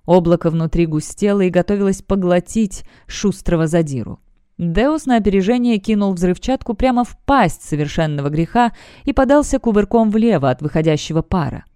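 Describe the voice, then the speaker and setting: A woman narrating a fantasy novel as an audiobook in an even storytelling delivery. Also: lowish voice, clear, resonant tone, dry recording, studio quality. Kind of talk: scripted narration.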